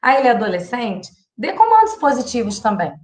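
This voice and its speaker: A woman's voice: on the high side, big pitch swings, a little fast, a little mellow, roomy sound, slight background noise. A Brazilian woman in her thirties, a psychologist giving parenting advice on a live stream in a chatty, direct way. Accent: Brazilian Portuguese. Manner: chatty and direct, acts out sample phrases to children.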